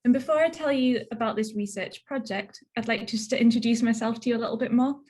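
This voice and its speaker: A young woman with a Northeast English accent gives a research talk over a video call, chatty and plain-spoken with lots of "so" and "um". Her voice is a little high, steady and darkish, and she talks fast.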